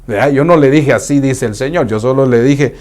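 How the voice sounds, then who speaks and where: Profeta avergonzado y titubeante, como lo actúa un predicador, acento centroamericano. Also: male voice, medium pitch, a little mellow, lightly acted. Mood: sheepish. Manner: hesitant, sheepish, halting. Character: ashamed male prophet apologizing to king.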